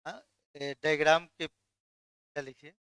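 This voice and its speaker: High, bright male teacher. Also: flat delivery, unhurried, smooth, no room sound. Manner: quizzes students, then answers his own questions. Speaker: chemistry teacher. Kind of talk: classroom lecture.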